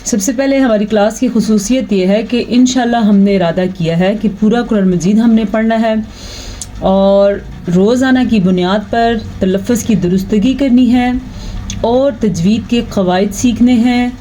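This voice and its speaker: A woman teaching Quran recitation, explaining patiently and reciting verses in a slow chant. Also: a little high, dark tone, poor audio. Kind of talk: online tajweed lesson.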